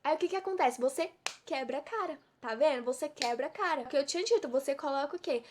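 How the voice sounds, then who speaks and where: A woman's voice: high voice, lively intonation, quick pace, a little mellow, a little hiss or hum. A woman from giving an informal devotional sermon, always throwing rhetorical questions at her listeners. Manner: preachy, full of rhetorical questions. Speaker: preacher.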